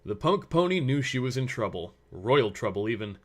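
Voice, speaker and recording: Reading a scripted story aloud, this male narrator is very animated while keeping a normal pace. His pitch is typical for a man.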